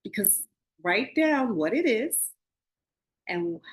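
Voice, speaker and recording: A woman's voice: medium pitch, very animated, takes it slowly, breathy edge. A woman in her forties hosting a spiritual podcast, talking earnestly to her listeners and often restarting and correcting herself. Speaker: podcast host. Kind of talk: casual spiritual talk.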